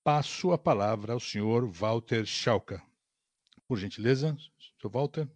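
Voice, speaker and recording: A man's voice: mid-range voice, a little slow, dry recording. A Brazilian man giving formal scripted conference call announcements in a polite customer service voice, like an operator.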